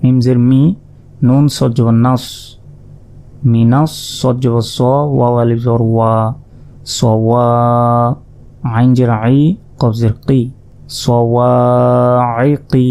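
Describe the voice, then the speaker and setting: A man with a Bangladeshi Bengali accent teaches Quran reading at a slow, careful pace, his voice warm and dark. He spells out each letter and vowel mark, then draws the syllables together into the full word. His pitch stays level and even throughout.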